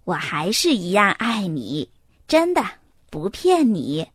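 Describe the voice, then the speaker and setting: Woman doing a gentle mother bear. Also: mid-range voice, huge pitch swings, takes it slowly, slightly rough, no echo, clean studio sound, voice pushed down, exaggerated voice. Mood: tender. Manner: soft, soothing, reassuring. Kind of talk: children's story reading.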